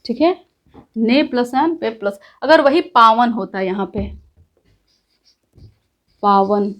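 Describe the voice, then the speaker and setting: Higher-pitched woman teaching step by step. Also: expressive, a little slow. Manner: explains step by step with repeated checks. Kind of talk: grammar lesson.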